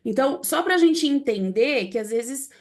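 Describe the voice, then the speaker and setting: A woman's voice: high voice, animated, moderate pace, darkish tone. A woman, an English teacher, telling her own story in a chatty way with frequent tag questions. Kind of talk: personal story in an online class.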